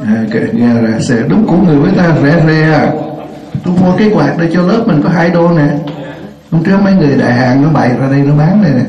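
An older man teaching a classroom lesson, chatty and joking, repeating words slowly so they sink in. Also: on the high side, expressive. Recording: roomy, dull lo-fi classroom recording.

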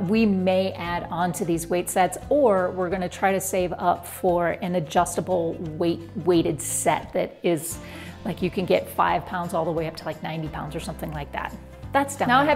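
Upbeat woman in her forties, chatty vlog host talking to camera on a lapel mic, faint music under her. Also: lowish voice. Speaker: fitness vlogger. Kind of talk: home room tour vlog. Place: basement home gym, indoors.

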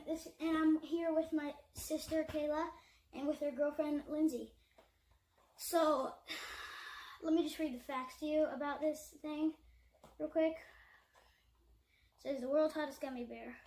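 High-voiced chatty young woman vlogger. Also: a little mellow, rough recording. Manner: chatty, giggly, reacting to spicy food. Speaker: vlog host. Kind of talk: casual challenge video.

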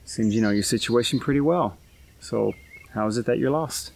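A man's voice: medium pitch, normal speed, vocal fry, a little mellow, a little hiss or hum, lightly acted. An actor playing a skeptical man questioning a ghost in a film drama, speaking in an incredulous, questioning way.

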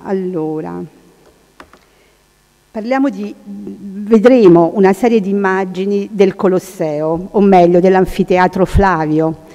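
A woman conference speaker gives an informal lecture from a panel table in a large hall, often searching for her words. Her voice is medium-pitched, slow and dark-toned, picked up by a table microphone with dull audio and long hall reverb.

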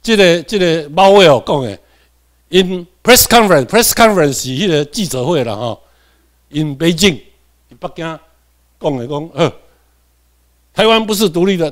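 A man's voice: on the high side, animated, normal speed. A man from Tainan, Taiwan, with a Taiwanese accent, giving a classroom lecture. He repeats key points and keeps checking in with his students.

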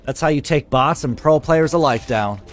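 A man's voice: medium pitch, moderate pace, faint music behind. Profane, easygoing male live streamer. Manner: loose, profane, reads chat comments aloud. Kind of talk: casual live-stream chat with viewers.

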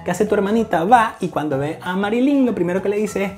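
A man's voice: sits high, animated, fast, darkish tone, soft background music. Playful Venezuelan man explaining slang. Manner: playful, acts out examples in put-on voices, laughs often. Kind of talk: casual explainer to camera.

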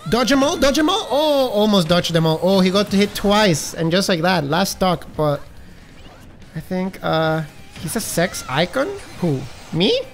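A man streaming a game, commentating casually with an accent, excitable, gasping and shouting, swearing freely. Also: high voice, a little slow, soft background music. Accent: some accent. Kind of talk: live gaming stream commentary.

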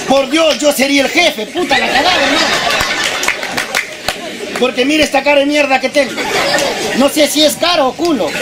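A loud, brash street comedian jokes crudely at a live audience. A crowd laughs around him outdoors, and steady noise runs under the recording. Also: male voice, very high-pitched. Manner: crude, shouting, teasing the audience.

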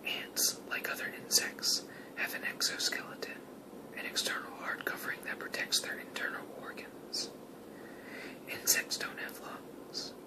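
Someone whispering a nature explainer asmr style, all hushed like theyre watching wildlife. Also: rough recording. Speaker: nature video narrator.

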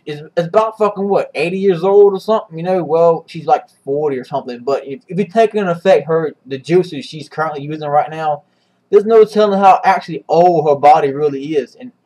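Man, casual comic recap, swears a lot, rambles, slightly higher voice. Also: darkish tone, rough recording. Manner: rambling, swearing, many restarts. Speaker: manga reviewer.

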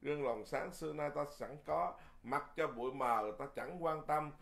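A man who is a Buddhist monk, giving a Dharma sermon in a lively, folksy way, often repeating words and chuckling. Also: a little high, moderate pace, creaky.

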